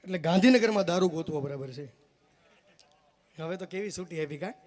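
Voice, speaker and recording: A man's voice: fairly high pitch, brisk, a little mellow. A man telling comic stories live on stage, joking and teasing the audience directly. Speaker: folk stage comedian.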